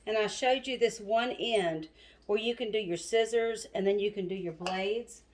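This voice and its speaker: A woman hosts a casual cooking demonstration, talking straight to her viewers as she works. She sounds slightly out of breath. The kitchen is roomy and echoing, with loud chopping and dish clatter throughout. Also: medium pitch, normal speed, noisy background. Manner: chatty, talks to viewers as y'all. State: a bit out of breath. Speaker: home cooking video host. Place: home kitchen. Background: chopping and clattering dishes.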